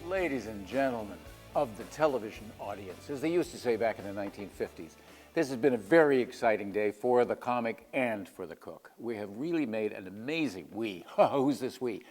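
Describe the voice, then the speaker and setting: A man's voice: fairly low pitch, lively intonation, a little fast, darkish tone, long reverb tail, faint music behind. Joking man playing mock announcer. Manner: jokey, mock-formal announcer patter. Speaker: comic co-host. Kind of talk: playful cooking-show banter.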